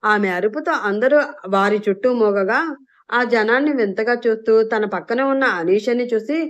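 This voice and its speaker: Woman reading a story serial, highish voice, dull lo-fi audio. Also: normal speed. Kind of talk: scripted story narration. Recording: dull lo-fi recording.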